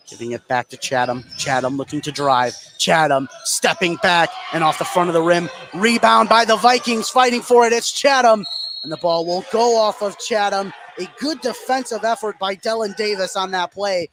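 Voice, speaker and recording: A man with a high-pitched, slightly bright voice does live radio play-by-play for basketball at a normal pace. He narrates in brief, clipped bursts while the noisy gym crowd and game sounds fill the background.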